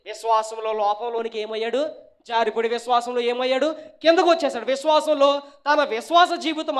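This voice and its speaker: A pastor with a very high voice delivers a sermon, swinging between loud and hushed. He asks the congregation questions and prompts them to answer.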